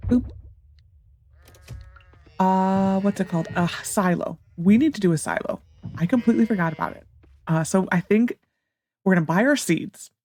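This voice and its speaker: There's a little hiss or hum behind a woman with a warm, mid-range voice that's congested and nasal. Playing a farming game as a let's play gamer, she gives casual commentary, thinking aloud with lots of ums and restarts.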